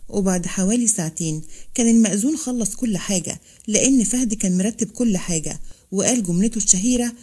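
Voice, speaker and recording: A woman with an Egyptian accent tells a romance story at a quick clip, her voice soft and mellow. Her delivery is brisk and lively. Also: mid-range voice. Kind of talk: storybook narration.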